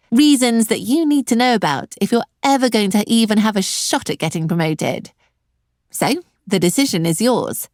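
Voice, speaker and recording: A woman's voice: on the low side, darkish tone, no room sound, clean studio sound. Sarcastic, direct woman hosting a webinar. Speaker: webinar host and career coach. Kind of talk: presenting an online webinar.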